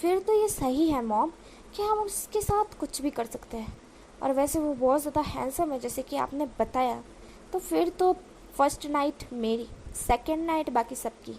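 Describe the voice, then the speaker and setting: A woman's voice: high voice, normal speed, a little mellow, a little hiss or hum, low-quality recording. A woman voicing a predatory young man who speaks eagerly and with a leer. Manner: eager, leering.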